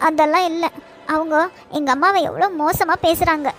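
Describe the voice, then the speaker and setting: A woman's voice: very high voice, fairly even intonation, moderate pace, fairly bright tone. A woman voicing a tearful little cartoon girl. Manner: tearful, small and plaintive. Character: small sad girl, tearful niece. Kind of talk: cartoon voice acting. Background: faint background music.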